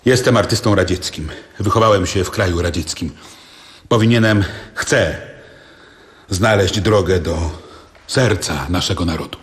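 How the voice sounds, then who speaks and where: An actor playing a weary, submissive Soviet composer, narrating a radio drama in the first person with a subdued, measured delivery. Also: male voice, low-pitched, breathy edge. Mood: resigned.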